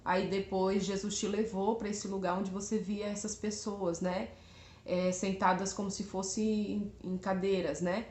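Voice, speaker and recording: A middle-aged woman, a mother, giving a halting, earnest church testimony and often checking in with a tag question. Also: mid-range voice, little pitch movement, darkish tone, reverberant.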